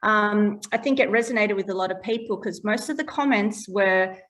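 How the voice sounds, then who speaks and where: A woman's voice: mid-range voice, normal speed, a bit bright, recorded from a distance. A chatty woman in an interview, explaining her property valuer work in plain terms and laughing often. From Australia. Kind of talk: casual interview chat.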